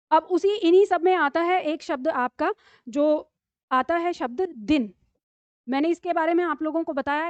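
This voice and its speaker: A woman's voice: sits high, dry recording, muffled recording. A woman teaching a Hindi grammar class online. She explains patiently and keeps checking in with rhetorical questions.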